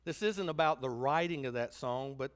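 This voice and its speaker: A male pastor preaches a sermon in a mid-range voice at normal speed. He tells his stories animatedly and acts out the quotations as he goes.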